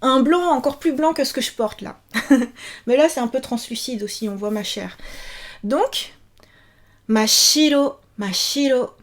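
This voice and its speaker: A cheerful young woman teaching a language video lesson, repeating each word slowly and clearly. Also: sits high.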